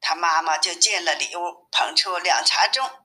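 A woman reading a classic tale aloud with lively, expressive storytelling. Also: on the low side, moderate pace, low-quality recording.

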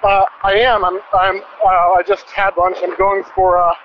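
High-voiced hesitant man on a walk. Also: flat delivery, moderate pace. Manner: hesitant, filler-heavy, quizzical. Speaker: podcast co-host. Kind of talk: casual phone chat. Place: outdoors on a walk. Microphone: headphone mic. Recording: muffled noisy call recording.

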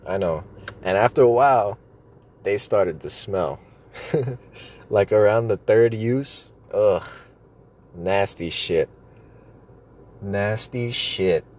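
A man's voice: fairly low pitch, takes it slowly, pauses often, a little mellow. A man rambling through stories in a casual, joking, sweary way, talking with chewing tobacco in his mouth.

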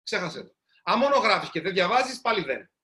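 A man's voice: high-pitched, sing-song, sharp tone. A man, a writer, giving a storytelling talk to a live audience and addressing them directly.

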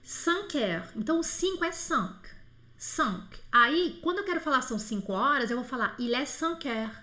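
A woman, teaching a live online French lesson. She patiently repeats phrases slowly to model pronunciation and answers viewers' questions by name. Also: sits high, lively intonation, bright, forceful tone.

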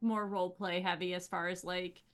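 A woman's voice: on the low side, little pitch movement, moderate pace, a bit bright. Rambling woman in casual chat. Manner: rambling, filler-heavy. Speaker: panelist on a role-play show.

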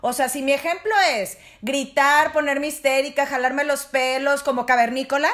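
A woman's voice: sits high, fairly even intonation, normal speed, fairly bright tone. A middle-aged woman, explaining parenting strategies directly to parents in a casual talk. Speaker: parenting guest expert.

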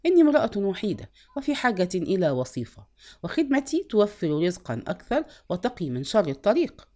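A woman's voice: mid-range voice, sing-song, fast talker, darkish tone. A woman voicing a wealthy, lonely older lady who speaks in a coaxing, persuasive way, as part of a story reading.

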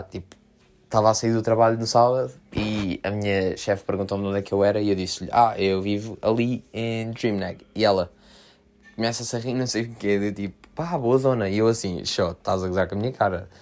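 A young man from Portugal, speaking, hosts his own podcast alone. His voice sits a little low, and he rambles casually with plenty of slang and filler words, cracking jokes as he goes. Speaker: podcast host. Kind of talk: casual solo podcast chat.

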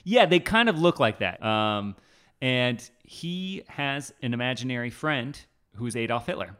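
Casting: guy co-hosting a movie podcast, mid pitch, stop-start delivery. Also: animated, fairly bright tone, clean tone. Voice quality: halting, lots of fillers and restarts, laughs easily. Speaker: podcast co-host. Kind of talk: casual movie-review chat.

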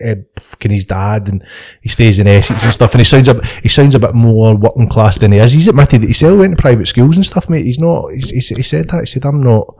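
A man hosting a casual boxing podcast, laughing often and restarting his sentences, with a rough, sweary manner. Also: medium pitch, fast talker, dark tone. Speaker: podcast host. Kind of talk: casual chat.

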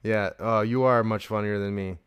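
A man's voice: fairly low pitch, steady tone, moderate pace, clear, resonant tone, dry recording. A man hosting a casual comedy podcast, teasing his guest and laughing often. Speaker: podcast host.

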